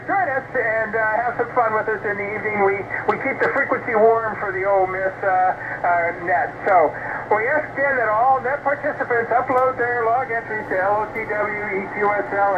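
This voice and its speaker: Ham net control man, high voice, received off the air, muffled audio, heavy static. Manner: chatty, thankful, loose radio talk with fillers. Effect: heard through a shortwave receiver with static. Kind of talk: amateur radio net sign-off. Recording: muffled radio audio under loud static.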